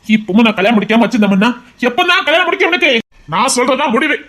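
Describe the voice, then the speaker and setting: An actor playing a stern middle-aged father who scolds his son about marriage in a fast, insistent voice. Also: very high-pitched, lively intonation, sharp tone, exaggerated voice. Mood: exasperated. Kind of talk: amateur audio drama.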